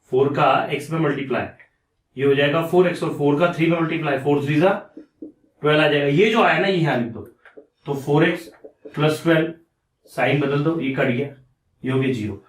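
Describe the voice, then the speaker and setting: Far from the microphone in a reverberant space, a man with a slightly high voice teaches maths at a board. He works through each step, repeats it, and poses questions that he answers himself.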